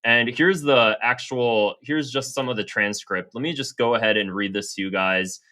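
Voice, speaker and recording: An online political commentator and host talks casually to his viewers about the news, reading quotes aloud and sometimes stumbling over or repeating his words. His medium-pitched voice moves at a normal speed and sounds pushed and bright.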